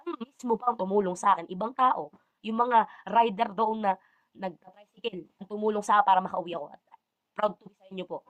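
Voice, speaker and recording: A woman's voice: medium pitch, fairly quick, no room sound, phone-quality sound. A woman ranting indignantly to the camera, defending herself and slipping into English phrases. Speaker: vlogger answering accusations. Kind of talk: heated personal rant to camera.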